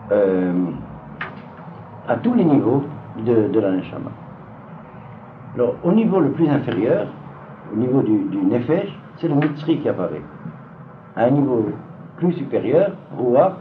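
Man lecturing with a lively pitch. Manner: hesitant, many fillers and repeated words. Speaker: Talmud teacher. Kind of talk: seminar lecture to a class. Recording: phone-like lo-fi recording with faint noise.

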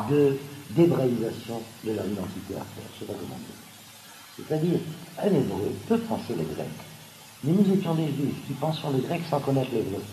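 A man giving a lively seminar lecture, pausing with frequent asides and restarts. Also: medium pitch. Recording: echoey room with background noise.

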